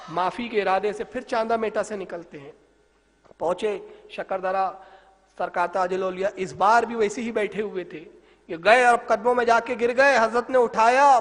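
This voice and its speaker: A man preacher narrating a saint's miracles in an emphatic sermon, building to loud fervent peaks. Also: high voice. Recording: long hall reverb.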